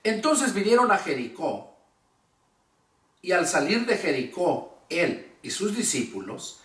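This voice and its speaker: A male pastor preaching a sermon, reading scripture and explaining it with slow, emphatic repetition of key words. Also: a little high, a bit bright, recorded from a distance. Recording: echoey room, voice from afar.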